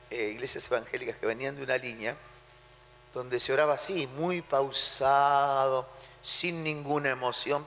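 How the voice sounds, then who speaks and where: A man with an Argentine accent preaching a sermon emphatically, acting out the prayers and orders he talks about. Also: mid-range voice. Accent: Argentine Spanish. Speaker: pastor. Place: church hall. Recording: muffled sound in a reverberant hall.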